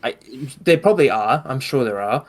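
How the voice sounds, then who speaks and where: A man's voice: medium pitch, animated, a little fast. A man with a New Zealand accent hosting a casual podcast chat, rambling with many fillers and restarts. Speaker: podcast host.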